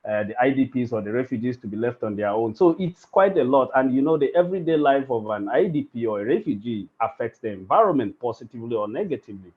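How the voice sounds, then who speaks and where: Man, panelist, halting, rephrases a lot, dull lo-fi call audio, mid pitch. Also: animated, husky. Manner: halting, circling back to rephrase. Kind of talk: webinar panel remarks. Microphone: video call.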